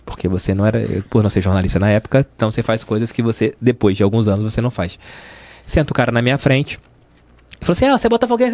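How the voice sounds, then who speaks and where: A lowish, darkish voice belongs to a middle-aged Brazilian man with a Rio de Janeiro state accent, a sports journalist appearing as an interview guest in a podcast studio. He tells his stories casually and emphatically, repeating phrases for emphasis.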